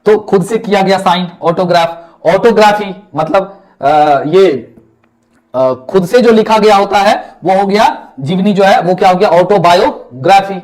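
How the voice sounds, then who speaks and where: A man's voice: high-pitched, measured pace, darkish tone. A young man with a Bihari Hindi accent teaching English vocabulary as a lecture, asking questions and answering them himself, repeating words. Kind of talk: classroom lecture.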